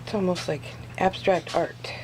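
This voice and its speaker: A woman's voice: fairly low pitch, fairly even intonation, moderate pace, background noise. A woman chatting casually as she narrates her own craft video, musing to herself in short, offhand phrases. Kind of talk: casual craft vlog chat, thinking aloud.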